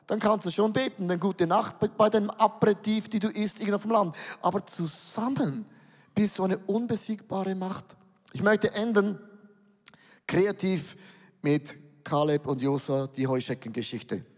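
A man's voice: high voice, moderate pace, big-room sound. A man with a Swiss German accent preaching a sermon, emphatic, repeating words and asking rhetorical questions.

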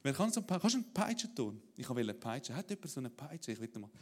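A man preaching a sermon in a lively, conversational way, often asking "oder?". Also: mid-range voice, fast talker, husky. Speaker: pastor.

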